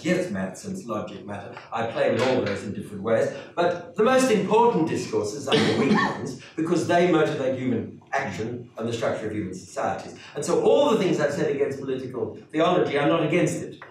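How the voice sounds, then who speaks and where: A man's voice: mid-range voice, slight background noise. Emphatic older man lecturing. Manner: emphatic, sweeping, sardonic asides. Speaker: keynote speaker. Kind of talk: academic lecture. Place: lecture hall with wood paneling and small audience. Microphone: lectern microphone, recorded from a distance. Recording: echoey hall, distant mic.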